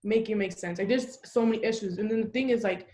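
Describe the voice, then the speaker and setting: A woman's voice: mid-range voice, fast, mellow. A young woman from the Dominican Republic, talking casually on a podcast, emphatic and full of "like" fillers. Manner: talkative, frequent "like" fillers, emphatic. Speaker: podcast host.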